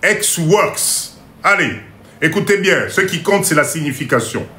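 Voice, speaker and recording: Slow, bright-voiced man teaching a live class. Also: fairly high pitch, expressive, echoey room. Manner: slow, repeats each point and checks the audience; mixes in Lingala phrases and jokes about his English. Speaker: trainer of a live import-export class. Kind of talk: live online lesson.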